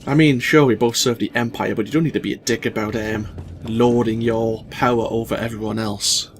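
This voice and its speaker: Guy rambling over a game, casual commentary, mid-pitched, bit of background noise. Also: fairly even intonation, a little fast. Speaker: let's play host. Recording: faint game ambience noise.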